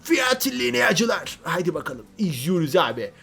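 A man giving excited gameplay commentary, often repeating words in bursts and talking straight to his viewers. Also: high voice, normal speed, vocal fry, slightly rough. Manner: excitable, repeats words when thrilled, addresses viewers as friends.

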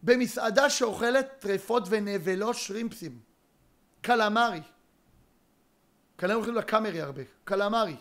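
A man giving a Torah lecture as a rabbi, telling a story with dramatic pauses and sudden emphasis. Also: high voice, fairly bright tone.

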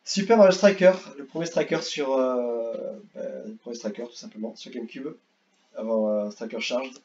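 A young man casually ranking video games, rambling and repeating himself, with excitable bursts. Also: medium pitch, normal speed, highs cut off, slight background noise. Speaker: gaming youtuber. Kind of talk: casual tier-list commentary.

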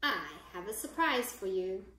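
A woman voicing an excited young male rabbit in a storybook read-aloud, high and bouncy. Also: unhurried, roomy sound, a little hiss or hum. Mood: eager.

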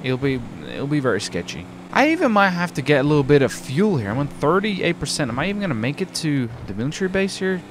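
A man's voice: fairly high pitch, big pitch swings, fast, hardly any pauses, a little hiss or hum. A young man from the UK chatting casually while roleplaying in a driving game, rambling and saying "dude" a lot. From United Kingdom. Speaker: roleplay streamer.

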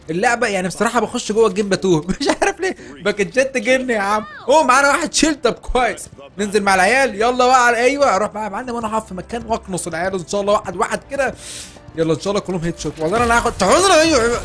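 A man with an Egyptian Arabic accent hosting a gaming channel and giving excitable, joking let's-play commentary while laughing often. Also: very high voice.

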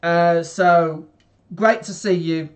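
Young English guy, live match watchalong streamer; slow, rambling, filler-heavy, slightly high voice, bedroom headset sound. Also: steady tone. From England. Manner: rambling, many fillers, talks slowly to viewers. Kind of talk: casual live match commentary to chat. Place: small bedroom.

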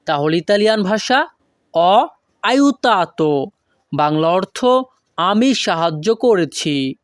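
A language teacher talks through an online lesson at a slow, careful pace. Each new phrase comes out drawn-out and repeated, and the teacher poses questions and answers them. The voice sits close to the mic in a dry, dead room. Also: medium pitch, animated, no room sound. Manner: deliberate, repeats each foreign phrase slowly, asks and answers own questions.

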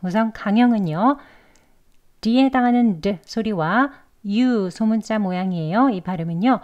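A woman teaching English pronunciation, explaining patiently step by step and drawing out model words slowly. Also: mid-range voice, darkish tone, dull audio. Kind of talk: pronunciation lesson.

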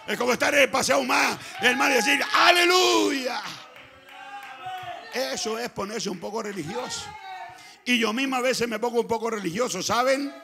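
Chilean male pastor, fervent shouting preacher, gravelly, high and bright. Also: fairly quick, crowd noise. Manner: fervent, often shouting, swings between loud and soft. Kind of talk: Pentecostal sermon. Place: church.

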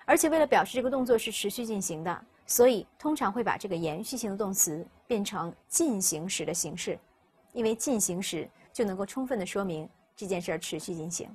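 A woman teacher, explaining English vocabulary step by step and repeating each word slowly for students. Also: mid-range voice, lively intonation, darkish tone, husky. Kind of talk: recorded vocabulary lesson.

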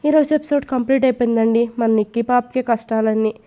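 A woman's voice: a little high, fairly even intonation, fast talker, warm tone. A woman storyteller reading a serialized story aloud, carrying on straight through her slips. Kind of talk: storybook narration.

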